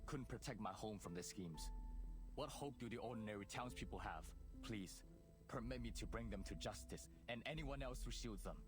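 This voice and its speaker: Man doing a stiff formal young officer in a game, lowish voice, music behind. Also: moderate pace, lightly acted. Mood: indignant. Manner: formal, indignant. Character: earnest, proud young male officer.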